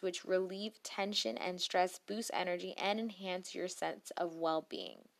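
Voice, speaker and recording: A woman hosting a podcast, reading out self-help advice with casual, reassuring asides in a conversational way. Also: mid-range voice. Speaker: podcast host.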